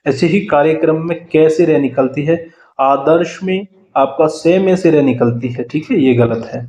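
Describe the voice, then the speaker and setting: A man's voice: a little high, mellow. Hindi man teaching spelling, echoey dull audio. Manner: explains quickly, often repeating key words. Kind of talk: exam-prep lesson. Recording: roomy, muffled sound.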